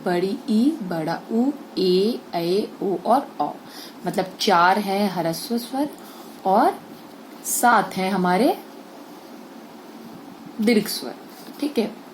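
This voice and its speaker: A woman's voice: medium pitch, darkish tone, a little hiss or hum. A woman teaching a Hindi grammar lesson to children. She explains step by step, draws out vowel sounds to model them, and keeps checking in with her class.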